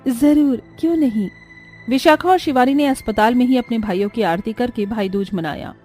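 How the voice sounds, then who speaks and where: A woman narrating a cartoon story in a gentle, moralizing storytelling voice. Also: a little high, animated, a little fast, faint music behind.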